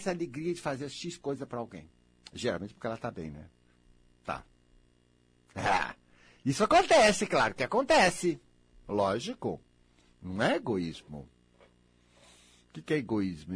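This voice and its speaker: A man giving self-help advice in a lively, conversational way, acting out little imagined exchanges. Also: mid-range voice, husky, no echo. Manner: animated, acts out imagined people in quick asides.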